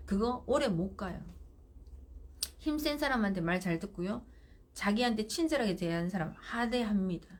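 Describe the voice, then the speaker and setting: A middle-aged woman, a parenting counselor, hosts live parenting advice, speaking firmly and directly while acting out exchanges between parents and children. Her medium-pitched voice is animated and at a normal speed.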